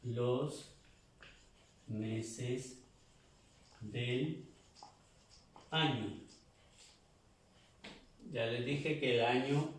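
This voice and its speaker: A man teaching French month names in a slow classroom pronunciation drill, patiently repeating each word. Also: mid-range voice, a little hiss or hum. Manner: patient, repeats words slowly. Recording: echoey room, mic at a distance.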